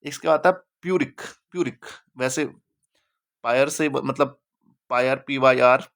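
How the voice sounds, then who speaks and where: A man's voice: mid-range voice, unhurried, fairly bright tone. A man teaching vocabulary in a casual classroom style, chatty, mixing English terms into Hindi and repeating words for emphasis.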